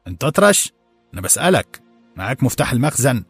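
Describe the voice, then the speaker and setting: A man reading an audiobook, voicing an arrogant young male supervisor who hurls contemptuous insults, his voice raised higher. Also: very animated, racing, vocal fry, breathy edge, no echo, soft background music, heavily acted.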